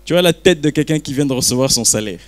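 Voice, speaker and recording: A man's voice: on the high side, animated, fast. A man running a live auction at a book launch, calling and repeating bids while teasing the crowd. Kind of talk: joking live auction patter.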